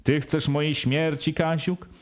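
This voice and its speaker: Man doing old peasant father, frantic, shrill cries, raised pitch, storybook reading. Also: flat delivery, a little slow, close to an everyday voice. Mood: pleading.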